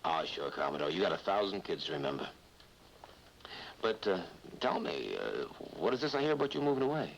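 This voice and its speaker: An actor playing an easygoing, kindly American private detective with a folksy, teasing manner in a 1950s TV drama. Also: male voice, sits low, sing-song, a little fast, creaky, heavily acted. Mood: gentle. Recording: noisy vintage TV soundtrack.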